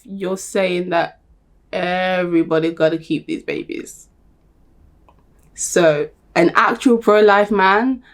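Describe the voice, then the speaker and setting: A young woman talking to camera in a blunt, emphatic, animated way, laughing often. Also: fairly low pitch. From Nigeria. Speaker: vlogger. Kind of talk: casual talk to camera.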